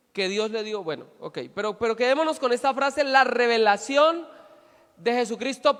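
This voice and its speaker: A man's voice: very high voice, fairly bright tone, in a large hall. A man preaching as a pastor, putting questions to the congregation and answering them himself, repeating his points with emphasis. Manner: emphatic repetition. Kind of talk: sermon.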